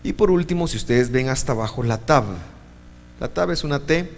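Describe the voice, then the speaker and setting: A man's voice: mid-range voice, expressive, normal speed, long reverb tail, slight background noise. A man teaching a church Bible class, explaining step by step and quizzing his listeners. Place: church meeting room.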